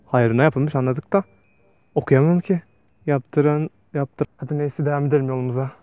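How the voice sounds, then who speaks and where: A man's voice: medium pitch, fairly even intonation, moderate pace, warm tone, dry recording. A man vlogging outdoors while walking through a forest alone, nervous and joking, talking to himself and to viewers. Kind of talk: casual vlog while hiking alone.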